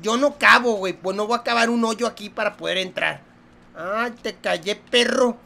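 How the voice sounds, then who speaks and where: A young man with a Mexican accent, commenting on a horror game in a joking, profane, excitable way. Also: high-pitched, normal speed, creaky. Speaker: gaming youtuber.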